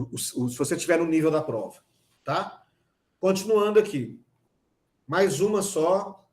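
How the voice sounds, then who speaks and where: A man with a Brazilian Portuguese accent teaching a lively online grammar class, talking straight to his students with teasing asides. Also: high-pitched, echoey room.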